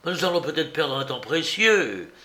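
A man reading aloud voices an agitated male watchmaker hunting a fugitive, urgent and shouting. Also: on the high side, very animated, normal speed, pitched above the performer's own voice. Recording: roomy echo.

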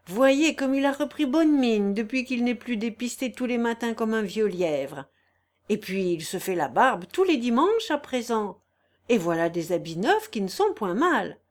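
A woman reading aloud plays an old housekeeper with a sharp tongue and blunt manner. The voice is rather high and moves lively. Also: measured pace. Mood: tart.

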